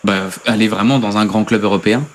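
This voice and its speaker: A man co-hosting a radio show, asking leading, probing questions in a relaxed, hesitant way. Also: lowish voice, fast talker, background noise. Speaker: radio co-host, interviewer. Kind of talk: casual radio interview.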